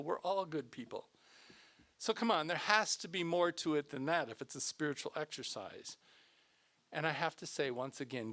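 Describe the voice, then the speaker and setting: A man's voice: fairly high pitch, a bit bright. Conversational man giving a sermon. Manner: conversational, enthusiastic, self-correcting. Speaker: minister. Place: fellowship sanctuary, also streamed on video call.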